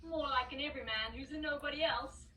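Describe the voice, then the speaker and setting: Cheeky male Cockney street clown played by a woman, high bright voice, heard from afar on an echoey stage. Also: a little fast, recorded from a distance, a little hiss or hum. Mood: chatty. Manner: rhyming, chatty, boastful. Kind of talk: stage play acting.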